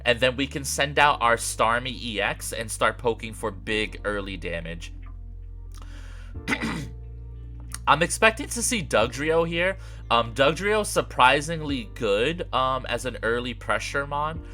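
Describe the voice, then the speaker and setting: A young man with a congested, nasal voice from allergies, chatting casually through a card game with frequent fillers and throat clearing. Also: mid-range voice, lively intonation, measured pace, pushed and bright, faint music behind. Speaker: gaming creator. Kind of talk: casual gameplay commentary.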